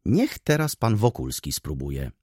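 A man's voice: deep voice, wildly swooping pitch, measured pace, a little mellow, breathy edge, no echo, clean studio sound, full character voice. A man reading an audiobook, voicing a cheeky, clumsy young man with a blunt, playful manner. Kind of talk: audiobook character voice.

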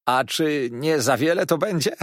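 A man voicing a loud, teasing young waiter. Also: medium pitch, very animated, unhurried, husky, dry recording, studio quality, heavily acted. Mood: teasing, boastful. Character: chatty, boastful young male inn waiter. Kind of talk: audiobook character voice.

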